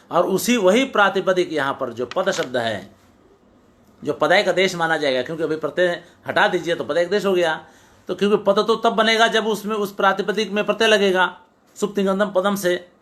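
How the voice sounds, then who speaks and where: A middle-aged man lectures on classical poetics in a voice pitched a little high for a man. He quotes a line, then unpacks it piece by piece, stumbling and restarting words as he goes. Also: fairly bright tone. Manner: explanatory, repeats and restarts words, quotes verses then glosses them. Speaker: teacher.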